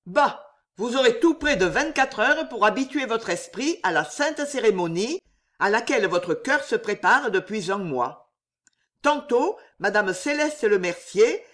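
A reader voicing a smug, quietly menacing gentleman suitor who speaks with mock courtesy and emphasis. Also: mid-range voice, sing-song, measured pace, voice pushed up. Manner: smooth, mockingly gallant, emphatic.

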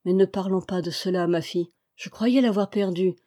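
A woman reading aloud, voicing a gentle young male captain who speaks in a slow, measured way. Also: on the low side, natural voice. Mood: calm.

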